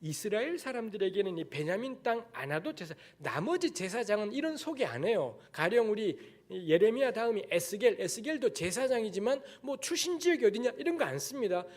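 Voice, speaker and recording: Man, from Daegu, guest preacher, candid conversational sermon, very animated intonation. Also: high-pitched, brisk, few pauses. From Daegu, South Korea. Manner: blunt, candid, conversational, with frank asides. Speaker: guest preacher at a church revival meeting. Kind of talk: lecture-style sermon. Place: church sanctuary.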